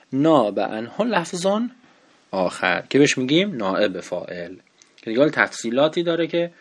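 A man teaching an Arabic grammar lesson, explaining patiently, asking and answering his own questions and reading Arabic text slowly. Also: on the low side, vocal fry.

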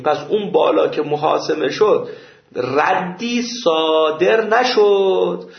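A male seminary teacher walks his class through a legal argument and tells anecdotes to drive the point home. His voice sits a little high and gravelly, with lively rises and falls. The lecture is captured in an echoey room on a dull, lo-fi recording. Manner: explains, then tells an anecdote to make a point. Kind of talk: jurisprudence lecture.

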